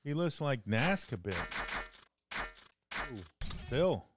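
A man's voice: mid-range voice, very animated, slow, noisy background. A man co-hosting a podcast who asks curious questions, laughs often and chats casually. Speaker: podcast co-host. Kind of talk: casual chat.

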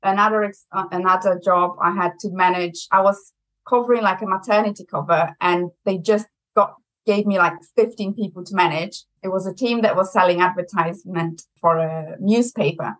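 On a rough recording, a young adult woman from Brazil talks at a moderate pace in a fairly low voice, her accent German. She's a marketing executive guesting in a conversational interview, laughing often and staying lively and chatty.

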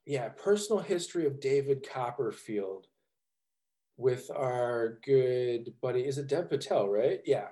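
A man's voice: medium pitch, lively intonation, a little slow, warm tone. Rambling man in an echoey room. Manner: rambling, laughs often, swears casually. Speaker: podcast co-host. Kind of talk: casual chat about a movie.

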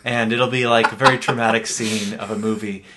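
A man's voice: on the low side, level tone, brisk, pushed and bright, slight background noise. A young man hosting a podcast, talking casually in a rambling, joking way. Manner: rambling, jokey, full of fillers and restarts. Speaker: podcast host. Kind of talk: casual chat.

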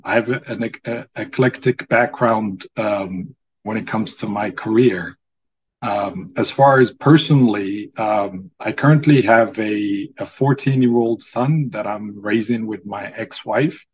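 A man in his forties from Morocco, whose first language is Arabic, speaks as a podcast guest. His voice sits on the low side and he talks very slowly and deliberately, pausing on frequent ums. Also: poor audio. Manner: slow and measured, with frequent ums. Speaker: podcast guest, former student. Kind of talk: casual interview.

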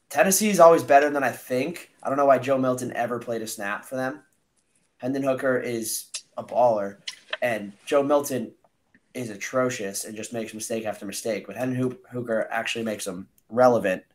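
A man co-hosting a podcast, chatty in casual sports talk, quick with asides. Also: medium pitch. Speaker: podcast co-host.

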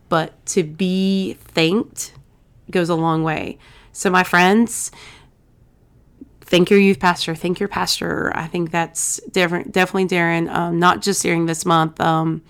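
Earnest woman, low-pitched and heartfelt. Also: clear, resonant tone. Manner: warm, earnest, gets emotional. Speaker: pastor's wife and podcast guest. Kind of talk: casual chat.

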